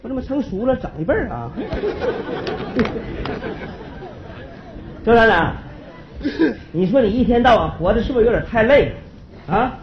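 A man's voice: very high voice, big pitch swings, crowd noise, background noise, exaggerated voice. A man playing a cocky, teasing rich farmer businessman in a stage comedy sketch. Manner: teasing, quick banter. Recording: echoey stage, slightly dull sound.

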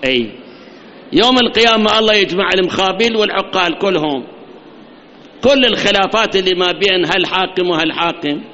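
Iraqi male preacher, high-pitched and sharp, teacherly, rhetorical questions. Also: lively intonation, fast, big-room sound. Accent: Iraqi Arabic. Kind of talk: sermon. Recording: dull lo-fi recording.

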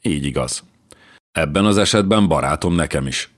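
A man voicing a sly, scheming count who speaks with quiet menace, in an audiobook reading. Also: rumbling low, lively intonation. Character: scheming red-haired German count.

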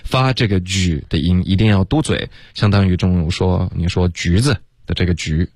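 A man's voice: low voice, moderate pace, darkish tone, dry recording, studio quality. A man co-hosting a casual radio English lesson, explaining pronunciation patiently and switching easily between Chinese and fluent English. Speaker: English teacher, co-host.

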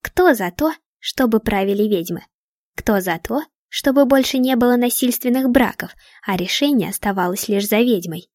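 Brief: cruel dark witch, mocking and hissing, read by a woman, dry close sound. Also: on the high side, moderate pace, dry recording, natural voice. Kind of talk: storybook reading.

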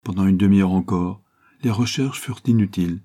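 An audiobook narrator reads a classic adventure novel at a measured, even pace. His low, mellow voice has a husky grain that softens every line.

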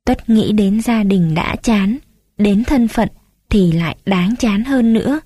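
A woman narrating a story in a calm, measured reading voice. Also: medium pitch, dry recording.

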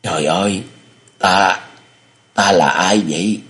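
A man's voice: low voice, slow, fairly bright tone. A man voicing a bewildered young male swordsman who stammers and has lost his memory. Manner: stammering, bewildered, turning fierce.

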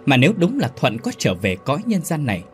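A man's voice: mid-range voice, huge pitch swings, fast talker, soft background music. A man narrating a scripted horror story in a dramatic, suspenseful manner.

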